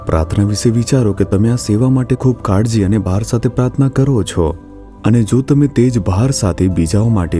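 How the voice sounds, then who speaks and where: A man's voice: lowish voice, mellow. A man preaching a sermon and leading the listeners in earnest, pleading prayer.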